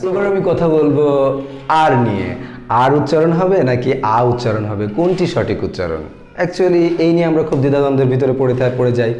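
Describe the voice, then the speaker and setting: A man's voice: mid-range voice, big pitch swings, quick pace, darkish tone. A man giving an English pronunciation lesson, slipping English words and phrases into his teaching. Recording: echoey room.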